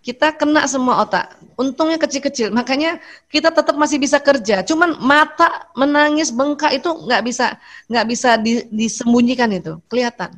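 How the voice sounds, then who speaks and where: A middle-aged woman with an Indonesian accent, speaking to a women's study group about marriage in a lively way and acting out short dialogues. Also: high voice, brisk. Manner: animated, acts out short dialogues.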